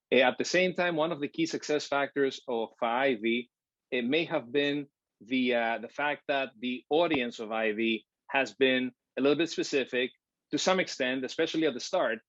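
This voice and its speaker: A man interviewing a guest, asking long questions with halting, hesitant phrasing over a video call. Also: medium pitch, dry recording, lo-fi sound.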